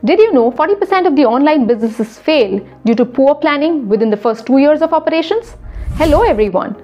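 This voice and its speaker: A young woman with a high, somewhat dark voice presents a scripted explainer to camera in a studio, working as a retail consultant. The recording sounds muffled. She is brisk, instructive and emphatic, gesturing with her hands.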